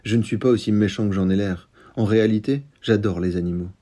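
A man reading as a boisterous young farmhand with a husky voice. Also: fairly low pitch, a little fast, mellow, lightly acted. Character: naive, excitable young farmhand, rough and childish.

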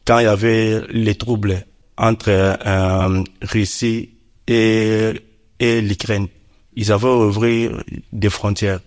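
Slow, low-voiced man in halting non-native French. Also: little pitch movement, a little mellow. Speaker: artist and graphic designer. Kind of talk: personal testimony in a group discussion.

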